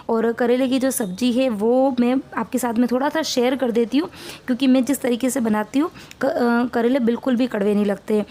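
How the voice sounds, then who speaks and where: Chatty woman vlogger with a mellow voice. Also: on the high side. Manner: chatty, rambling, homely cooking talk. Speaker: family vlogger. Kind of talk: casual vlog narration.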